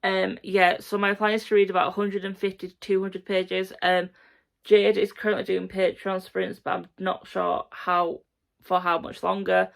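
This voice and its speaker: A young woman with a croaky voice giving a rambling, self-correcting reading update to camera from home. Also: medium pitch, little pitch movement, moderate pace. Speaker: reading vlogger.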